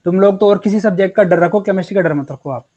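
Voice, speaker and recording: High-voiced, chatty male chemistry teacher. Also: fast talker, warm tone, highs cut off. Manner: chatty and encouraging, calls students beta and yaar. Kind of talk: casual online class teaching.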